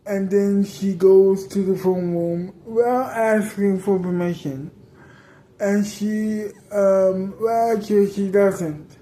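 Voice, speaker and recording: A woman's voice: medium pitch, steady tone, slow, dark tone, low-quality recording. A woman improvising a spoken story, rambling and correcting herself as she goes.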